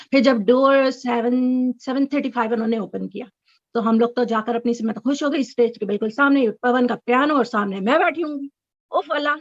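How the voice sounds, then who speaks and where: Woman, middle-aged, high-pitched, animated storyteller, dry muffled video call audio. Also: dry recording. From Chicago resident. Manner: animated, breaks into high squeals when excited. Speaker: interview guest, fan.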